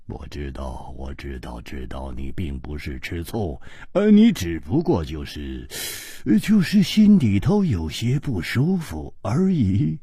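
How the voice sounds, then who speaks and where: A storyteller voicing a cool, mocking male companion who speaks very low and quiet. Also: big pitch swings, unhurried, breathy edge, no room sound, clean studio sound, exaggerated voice.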